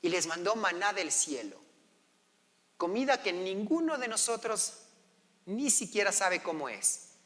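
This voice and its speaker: Male pastor, animated storytelling sermon, high voice, long hall reverb. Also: unhurried, pauses often. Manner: storytelling, acting out quoted voices, asking the congregation. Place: church hall.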